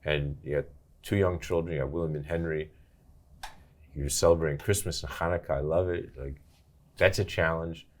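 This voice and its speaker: A man's voice: a bass voice, steady tone, normal speed, pauses often, darkish tone. An older man hosting an interview, asking questions and reacting with enthusiastic exclamations. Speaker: podcast host. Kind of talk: interview conversation.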